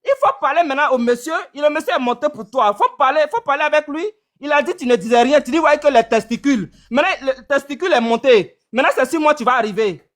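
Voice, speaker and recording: A woman runs a live panel debate and talks quickly. She is combative and hammers the same point again and again. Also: high-pitched. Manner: combative, repeats herself insistently. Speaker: debate moderator.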